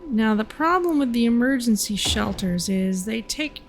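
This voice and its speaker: Higher-pitched woman commentating a video game. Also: lively intonation, normal speed, a little hiss or hum, poor audio. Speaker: gaming video host. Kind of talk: casual gameplay commentary.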